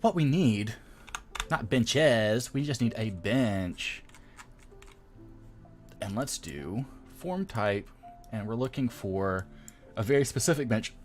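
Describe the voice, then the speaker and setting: Streaming himself as he mods a game, a man with a lowish voice and lively intonation speaks slowly, leaving long pauses, with faint music in the background. He rambles in a casual, self-deprecating way, thinking aloud, muttering small sound effects, and laughing off his own mistakes.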